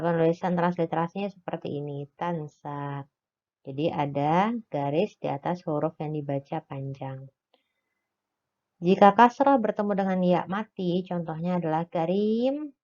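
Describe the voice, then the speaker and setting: A woman teaching a recorded lesson, explaining slowly step by step and pausing on "eh" fillers. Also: on the low side. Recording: dull lo-fi recording.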